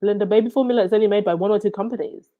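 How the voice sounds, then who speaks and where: A woman's voice: mid-range voice, fairly even intonation, narrow, tinny audio. A woman from Zambia with a stuffy, runny nose, hosting a casual livestream chat and reacting to viewer comments. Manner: chatty, reacts with quick laughs and "wow".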